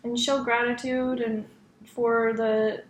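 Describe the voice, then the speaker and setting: A woman's voice: on the high side, flat delivery, slow pace. A woman leading a guided energy healing session like a psychic reading, reassuring and affirming, often checking in with a short question. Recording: roomy echo with clear background noise.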